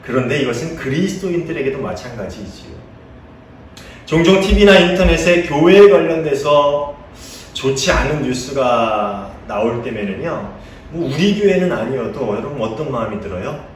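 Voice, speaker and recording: A man's voice: medium pitch, animated, normal speed, slight background noise. A male pastor preaching a sermon in a conversational way, asking his congregation questions and telling playful anecdotes. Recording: echoey room heard from a distance.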